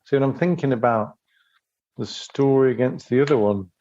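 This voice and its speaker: A man's voice: medium pitch, moderate pace, noisy background. A man co-hosting a podcast in casual chat, hesitant and rambling with lots of ums. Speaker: podcast co-host. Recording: slightly dull, muffled sound.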